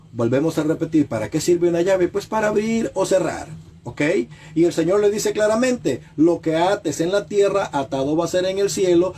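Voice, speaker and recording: A man delivers a sermon in a mellow, warm voice pitched a little high for a man. He repeats key phrases and puts rhetorical questions to the listener, and he drops low and slow on solemn lines. Faint noise hums behind him. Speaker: preacher.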